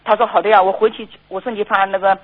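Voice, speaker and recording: A woman calling in to a radio show, excitedly retelling a conversation in quoted lines. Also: mid-range voice, fast. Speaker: caller. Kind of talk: radio call-in talk. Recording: lo-fi radio broadcast.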